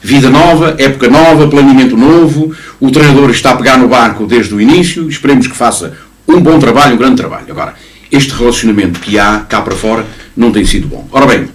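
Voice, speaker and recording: A man commenting on football in a casual studio chat, animated and emphatic, often repeating and restarting words. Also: lowish voice. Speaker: sports commentator. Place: local TV studio.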